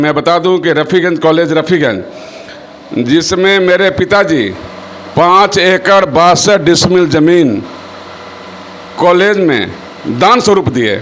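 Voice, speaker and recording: A middle-aged man, a local politician, speaking forcefully to the press and repeating phrases for emphasis. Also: a little high, moderate pace, a little hiss or hum. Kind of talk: impassioned political speech to press.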